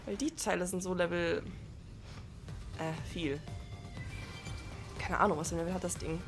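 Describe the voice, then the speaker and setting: A young woman commentating a video game playthrough, excitable, swearing and exclaiming often. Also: lowish voice, moderate pace, music in the background. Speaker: let's play host. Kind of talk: let's play commentary.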